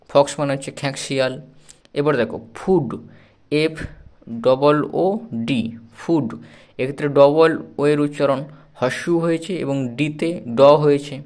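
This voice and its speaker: A man, patiently spelling out English words letter by letter in a phonics lesson for children. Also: a little high. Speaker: English teacher.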